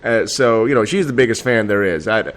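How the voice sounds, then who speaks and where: A podcast host, a little drunk, chats alone late at night from his house in a casual talk-show format. His fairly low voice is a touch nasal, animated, and slightly quick, and he keeps laughing, cursing, rambling, and dropping fillers.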